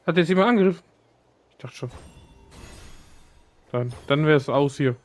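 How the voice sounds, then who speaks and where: Man, let's play commentary, grumbling to himself, slightly high pitch. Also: moderate pace. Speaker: let's player. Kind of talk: casual gaming commentary.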